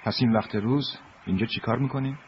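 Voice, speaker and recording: A man voicing a kind adult who gently teases two children, in a dubbed film. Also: mid-range voice, breathy edge. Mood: gentle. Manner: playful, gently teasing. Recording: dull lo-fi audio, faint hiss.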